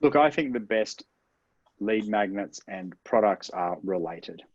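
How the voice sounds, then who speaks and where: A man's voice: on the low side, lively intonation, a little slow, no echo. A man answering interview questions as a marketing expert, explaining step by step in an upbeat way and stressing key words. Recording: dull, dry lo-fi sound.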